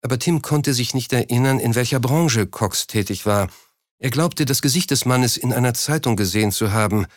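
A man reading a story aloud in a steady, measured scripted narration. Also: mid-range voice, no echo, clean studio sound. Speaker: audiobook narrator.

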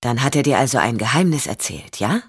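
A woman voicing a calm male investigator who questions gently and patiently, for an audiobook. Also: very deep voice, fairly quick, husky, dry recording, clean studio sound, exaggerated voice.

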